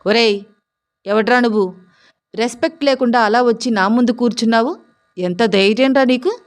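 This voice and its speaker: A woman's voice: a little high, moderate pace, pitched above the performer's own voice, lightly acted. A woman voicing a rude, drunk, corrupt male head constable who bullies and mocks. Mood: angry. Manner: bullying, mocking, shouting.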